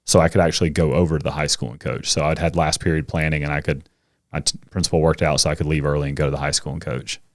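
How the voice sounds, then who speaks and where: A middle-aged man, a coach and teacher, chatting as a podcast guest and telling animated stories. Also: extremely low pitch, quick pace, no echo, clean studio sound. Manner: animated storyteller, acts out kids' voices. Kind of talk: casual interview conversation.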